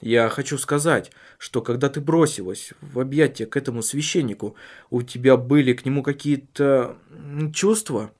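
A man voicing a calm, measured husband in an audiobook, speaking earnestly and carefully. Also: medium pitch, lightly acted. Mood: earnest, probing.

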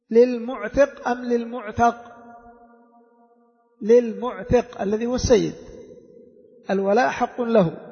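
A man teaching jurisprudence as a sheikh, unhurried, repeating each key phrase and quizzing his listeners. His voice sits very high and carries a gravelly fry. The recording is dull and muffled, with a long reverb. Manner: explains slowly, repeating key phrases and asking the class questions. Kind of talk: classroom lesson explaining a legal text. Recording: dull, echoey hall recording.

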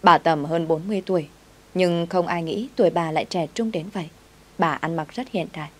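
Low-voiced woman storyteller. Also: fairly quick. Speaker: narrator. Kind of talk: storytelling narration.

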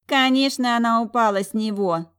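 A woman's voice: fairly high pitch, normal speed, pitched above the performer's own voice, close to an everyday voice. A woman voicing a sneering young noble twin sister who snorts her gossip in an audiobook. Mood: scornful.

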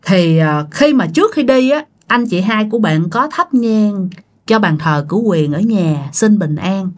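A woman's voice: medium pitch, animated, measured pace. A woman with a Southern Vietnamese accent telling a ghost story in a chatty, casual way, addressing her listeners directly.

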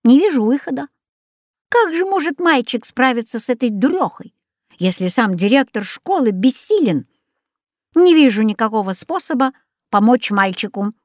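A woman voicing a talkative male pet parrot in an audiobook story, with high, excited exclamations. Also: moderate pace, no room sound, clean studio sound. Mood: worried.

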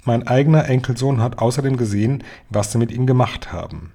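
A man voicing a calm, firm old grandmother in a storybook reading, speaking with composed patience in a husky voice. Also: mid-range voice, a little fast.

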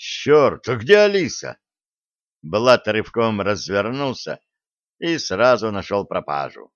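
A man narrating an audiobook with an expressive, lively reading. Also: medium pitch, dry recording. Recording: dry, slightly dull audio.

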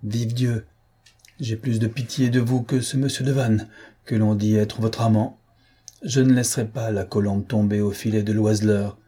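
A man's voice: lowish voice, steady tone, moderate pace, mellow, slightly rough. A man voicing a brazen, ragged rogue in an audiobook, with a thundering, mocking delivery. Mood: sardonic. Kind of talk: audiobook character voice.

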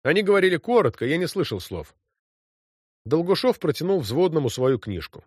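A man's voice: fairly high pitch, very animated, a little fast, no room sound, clean studio sound. A man reading an audiobook story with vivid, dramatic narration.

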